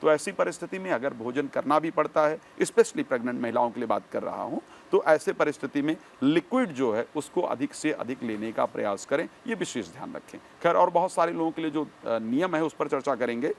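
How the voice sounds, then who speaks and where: A man speaking as an expert guest, giving formal, measured instructions point by point. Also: a little high, animated, gravelly, a little hiss or hum. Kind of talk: explanatory interview answers.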